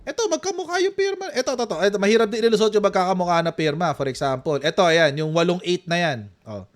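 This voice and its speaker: A man with a Filipino accent doing casual live-stream commentary, animated and mocking, laughing often. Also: high voice, fast talker.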